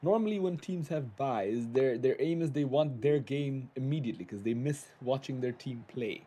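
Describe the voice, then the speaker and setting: A man's voice: medium pitch, normal speed, dark tone, slightly rough. A young man co-commentating a cricket video game in a playful, teasing way, often restarting his words. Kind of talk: casual gaming cricket commentary.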